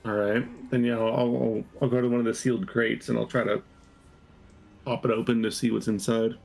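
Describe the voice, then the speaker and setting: A man's voice: medium pitch, level tone, a little fast, creaky, a little mellow, low-quality recording. A man playing a tabletop game, thinking aloud in a tentative way. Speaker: player.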